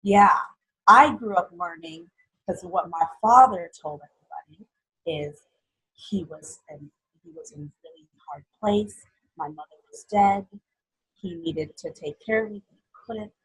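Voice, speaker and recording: A young woman from Haiti tells her own life story as a guest, earnest and halting, with fillers. Her voice is husky and sits a little low. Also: a bit bright, rough recording. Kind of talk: personal story in an interview.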